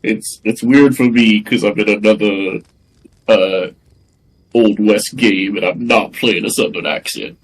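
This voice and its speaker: A man's voice: lowish voice, fairly even intonation, measured pace, slight background noise, rough recording. A man chatting casually as a player in a tabletop game, somewhat hesitant.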